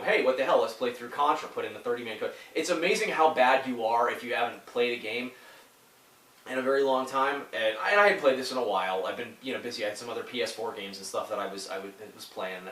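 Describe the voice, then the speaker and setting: A YouTuber in his thirties reviews retro games, chatting casually to the camera about his old favorites while stuffy from a head cold. His middle-pitched, fairly bright voice rambles with fillers, trailing off and restarting sentences. He sounds somewhat off mic and distant, in a room with noticeable echo.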